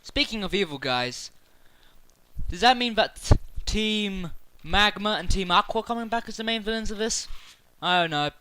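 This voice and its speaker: A man talking excitedly to camera about a video game, rambling through his theories with many fillers and restarts. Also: high-pitched, moderate pace, clear, resonant tone, low-quality recording. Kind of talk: casual speculative chat to camera.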